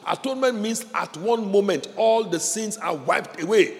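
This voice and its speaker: A pastor preaching a sermon with passion, repeating phrases and leading the congregation in call-and-response. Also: male voice, sits high, animated, normal speed, gravelly. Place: church hall. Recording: reverberant hall with faint background noise.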